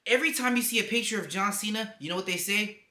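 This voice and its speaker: A man's voice: high voice, fast, pushed and bright. A young man ranting to camera about wrestling, heated and profane, with lots of emphasis. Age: young adult. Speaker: wrestling commentary vlogger. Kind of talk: opinionated rant to camera. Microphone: camera mic. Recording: echoey room.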